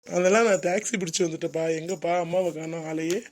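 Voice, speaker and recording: A man's voice: on the high side, steady tone, quick pace, lightly acted. A man voicing an affectionate young adult son back home after years away, in a homemade cartoon. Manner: gentle, pleading. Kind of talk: cartoon voice acting.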